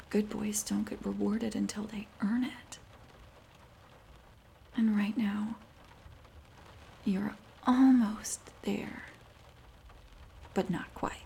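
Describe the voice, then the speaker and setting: A woman playing a seductive, teasing, dominant neighbor in an ASMR role-play, breathy and coaxing, speaking intimately right in the listener's ear. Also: medium pitch, full character voice. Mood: teasing, withholding. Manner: intimate soft-spoken right in your ear; slow, coaxing, breathy delivery.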